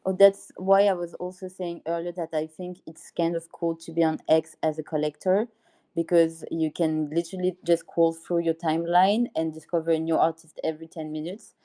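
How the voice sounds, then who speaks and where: Low, even-toned upbeat woman. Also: normal speed. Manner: upbeat, enthusiastic. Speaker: guest, art curator. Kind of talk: casual chat.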